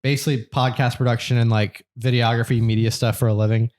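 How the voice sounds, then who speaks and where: Fast and a little mellow, a Georgia man in his late twenties keeps his medium-pitched voice fairly level as he co-hosts a casual podcast. His long story wanders through many fillers and restarts.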